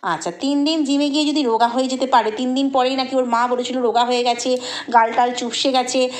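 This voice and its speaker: Woman doing snarky gossip commentary, kinda high voice, lots of eye-roll questions. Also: fairly even intonation, brisk. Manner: mocking, sarcastic, chatty with rhetorical questions. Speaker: vlogger.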